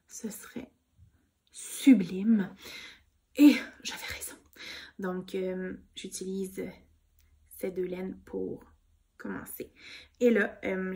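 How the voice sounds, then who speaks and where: A woman with a Québécois accent chatting casually about her knitting projects, soft-spoken and gushing, with many fillers. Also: medium pitch, gravelly. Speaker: knitting vlogger. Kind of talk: casual show-and-tell chat.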